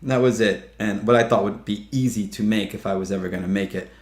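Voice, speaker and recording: A filmmaker in his fifties, guesting in a casual interview, tells stories in a lowish voice at a fairly quick clip. Chatty and laughing often, he acts out what other people said. There's a roomy echo to the recording.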